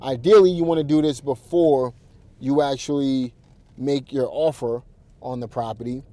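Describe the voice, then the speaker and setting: A real estate investor speaks straight to viewers in a laid-back walk-through vlog, outside a house and afterward in a car, with lots of fillers and restarts. His medium-pitched voice has a dark tone, a steady delivery and normal speed.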